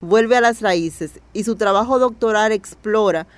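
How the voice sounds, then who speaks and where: A documentary narrator reads a scripted life story with a measured, even delivery. The sound is dry and close, with no room around the voice. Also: mid-range voice, no room sound.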